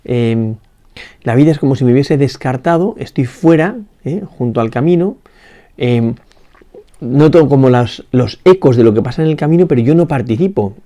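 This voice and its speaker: Mellow-voiced man giving a reflective meditation. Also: mid-range voice, expressive. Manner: unhurried and reflective, with many pauses, restarts and tag questions. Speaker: priest. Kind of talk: spoken meditation on a Gospel passage. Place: parish church.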